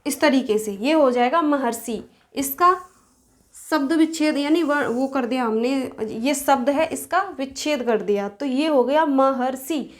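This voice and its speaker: High-voiced woman teaching grammar. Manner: asks questions then answers them herself; slows down to spell out sounds and examples. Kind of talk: Hindi grammar lesson at a board.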